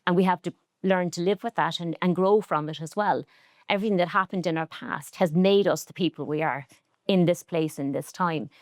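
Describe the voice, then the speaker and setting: In a relaxed interview, a middle-aged textile artist from Ireland with a Cork accent talks earnestly and reflectively, proud of her heritage. Her voice is lowish and brisk, captured in a dry, studio-quality recording.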